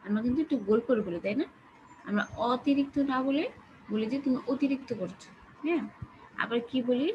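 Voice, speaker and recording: Her pitch fairly high, this female teacher talks briskly and pauses often, her Bangladeshi Bengali accent clear as she runs an online lesson. She walks through the material one step at a time while prompting students to respond. Expect muffled, low-fidelity call sound with noise behind it.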